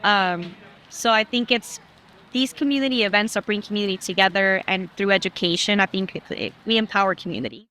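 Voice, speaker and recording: A woman's voice: mid-range voice, a little fast. A woman, a community health worker, speaking earnestly in an interview clip with some fillers.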